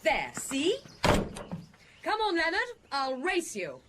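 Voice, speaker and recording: A woman's voice: sits high, wildly swooping pitch, slow pace, heavily acted. An actress playing an eager, gushing upper-class British young lady in a radio drama. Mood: eager, bright. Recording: noisy radio drama with sound effects.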